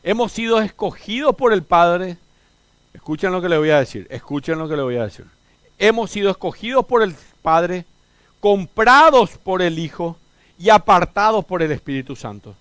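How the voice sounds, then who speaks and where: A middle-aged man with a Paraguayan Spanish accent preaching a sermon as pastor, swinging from emphatic rises to soft, low asides. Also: clear, resonant tone, dry recording.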